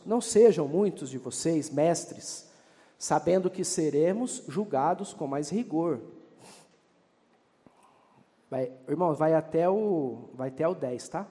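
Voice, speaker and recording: A man's voice: fairly high pitch, dark tone, big-room sound. A Brazilian man preaching a fervent sermon, reading scripture aloud and calling out to the congregation. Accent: Brazilian Portuguese.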